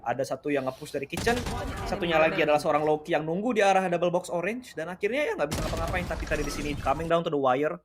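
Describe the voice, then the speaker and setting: A man with an Indonesian accent casts esports in an excited game-announcer style. His voice is high, his phrasing dramatic, and he slips in English lines over faint gunfire and clicks from the game. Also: fast, background noise. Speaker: esports caster.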